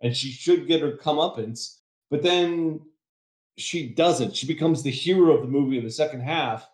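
A man's voice: a little high, moderate pace, darkish tone. A man co-hosting a casual podcast, giving an opinionated rant. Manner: opinionated, ranting. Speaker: podcast co-host. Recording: roomy echo.

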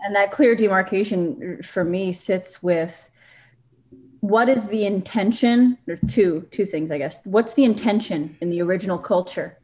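A woman in a casual panel discussion, thoughtful and measured, laying out her reasoning point by point. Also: mid-range voice, a little mellow.

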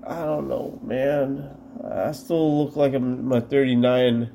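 A man co-hosts a podcast in loose, rambling chat, joking and teasing. His voice sits in a middle pitch, with faint noise behind it. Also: steady tone, takes it slowly, creaky, dark tone. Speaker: podcast co-host. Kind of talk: casual chat.

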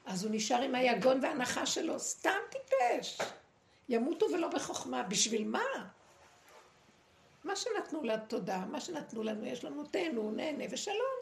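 A woman giving a dramatic, preachy spiritual talk to a group, with pointed pauses. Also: high voice, sing-song, gravelly. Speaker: spiritual teacher. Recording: echoey room, faint noise.

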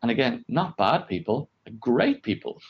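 A very animated man with a mid-range voice and a breathy edge talks at a moderate pace, captured with lo-fi sound. He is an engineering leader giving conversational interview answers about his work, full of "like," emphatic explanation and questions posed to himself.

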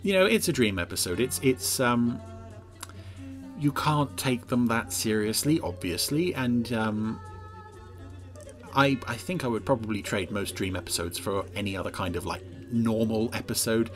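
A man's voice: lowish voice, animated, moderate pace, faint music behind. A man hosting a casual episode commentary in a wry, rambling, hesitant way. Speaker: host.

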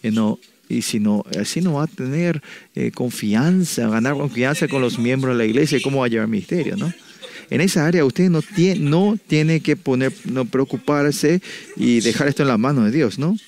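A man's voice: mid-range voice, a little mellow. Man preaching, full of restarts. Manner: ends phrases with a questioning "no?" tag, halting restarts. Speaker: pastor. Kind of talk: sermon.

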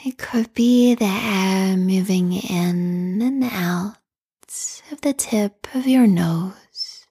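A woman leading a guided meditation in a calm, soothing, meditative tone, with a soft, breathy, whispery voice. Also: medium pitch, very slow.

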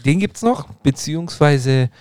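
A man co-hosting a casual podcast, relaxed, with many short agreeing replies. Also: on the high side, unhurried, clean tone, no echo. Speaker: podcast co-host.

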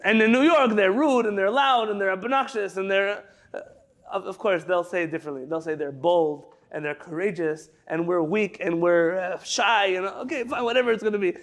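Teaching a Torah class by video call, a San Diego, California rabbi reads sources out and unpacks them in a chatty, wandering style. He speaks at a moderate pace in a voice that sits high and sounds a bit bright.

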